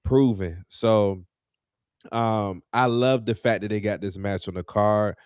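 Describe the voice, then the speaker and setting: A man's voice: on the low side, fairly even intonation, slow pace, smooth, no echo, studio quality. A man co-hosting a wrestling podcast, talking casually and animatedly, full of slang and fillers, getting heated as he rants. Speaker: podcast co-host.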